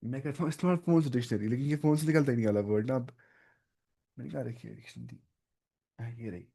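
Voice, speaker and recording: A man's voice: mid-range voice, sing-song, quick pace, creaky, mellow, breathy edge. A man with an Urdu-speaking accent teaching an online Arabic lesson, thinking aloud, looking up words and correcting himself as he goes.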